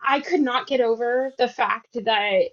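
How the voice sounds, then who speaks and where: A woman guest on a casual podcast, talking excitedly in exclamations. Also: a little high, a little slow, lo-fi sound. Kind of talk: casual film discussion.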